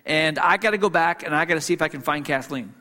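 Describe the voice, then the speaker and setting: Man, from Hong Kong, pastor telling a sermon story, slightly high voice, fillers and restarts, long hall reverb. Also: fast talker, sharp tone. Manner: conversational, frequent fillers and restarts, self-deprecating humor.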